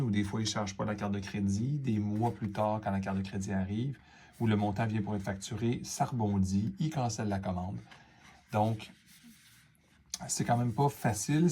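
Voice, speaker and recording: A man with a Quebec French accent hosts a casual card-opening video, talking straight to the camera in a somewhat low voice. He rambles through his comments, full of fillers and little asides. A faint background noise sits under the recording. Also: a little mellow. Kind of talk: casual unboxing chat to camera.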